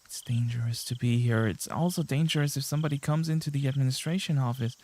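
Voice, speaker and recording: A man's voice: mid-range voice, steady tone, quick pace, a little mellow, close to an everyday voice. A man reading the inner monologue of a panicking teenage girl sneaking through a school, in a tense, frantic voice. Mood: panicked. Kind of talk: reading a visual novel aloud.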